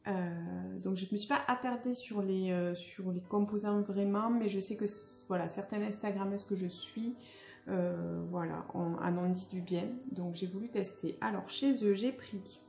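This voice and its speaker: A woman's voice: medium pitch, moderate pace, vocal fry, a little mellow. Hesitant woman in an echoey room. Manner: hesitant, many fillers and restarts. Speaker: beauty vlogger. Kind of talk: casual unboxing chat. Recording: echoey room, faint music.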